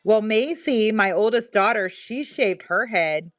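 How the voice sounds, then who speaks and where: A woman's voice: medium pitch, lively intonation, a little slow, fairly bright tone, dry recording, studio quality. A middle-aged woman with a Missouri accent, casually telling a rambling story while selling items on a livestream. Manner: chatty, rambling, reads viewer comments aloud. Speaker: livestream seller.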